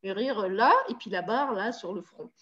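A woman hosting a talk show, telling stories in a lively, exclamatory way. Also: medium pitch, moderate pace, muffled recording. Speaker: show host.

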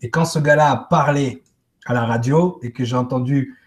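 A man talking casually on a live stream, restarting and repeating words, often trailing off quietly. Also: medium pitch, normal speed. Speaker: guest speaker.

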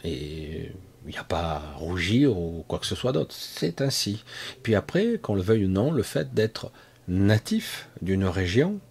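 Husky deep-voiced man musing aloud. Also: sing-song, unhurried, darkish tone. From France. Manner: rambling, with asides and frequent restarts; addresses listeners directly, conversational. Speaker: speaker on energy healing. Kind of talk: casual spoken monologue.

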